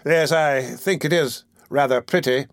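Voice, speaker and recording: A man's voice: a little high, measured pace, no room sound, studio quality. A man voicing a pompous, self-important parish beadle in an audiobook reading. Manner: pompous and blustering.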